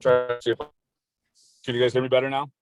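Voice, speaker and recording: A man's voice: medium pitch, monotone, fast, over music. Man on a choppy, breaking-up phone line. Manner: plain, matter-of-fact, repeats points for emphasis. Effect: choppy breaking-up cell phone connection. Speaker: insurance agent on a group call. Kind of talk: casual sales explanation. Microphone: cell phone on a call.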